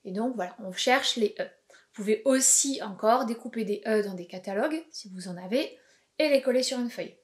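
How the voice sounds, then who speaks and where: With a fairly high pitch, a woman who teaches preschool leads young children through a video lesson at home. She talks in a slow, clear and encouraging manner.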